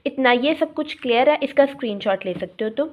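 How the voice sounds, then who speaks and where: Female lecturer, higher voice, reads points slowly, then explains them quickly; muffled lo-fi recording. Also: animated. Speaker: nursing pharmacology teacher. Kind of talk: classroom lecture mixing Hindi and English. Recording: slightly muffled lo-fi sound.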